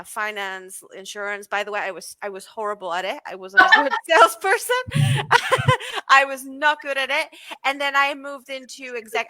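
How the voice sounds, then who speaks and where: A woman in her thirties, originally from Bulgaria, chatting as an interview guest in an upbeat, lively way with plenty of fillers. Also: fairly high pitch, no echo. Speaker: guest, content marketing coach. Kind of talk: casual interview chat.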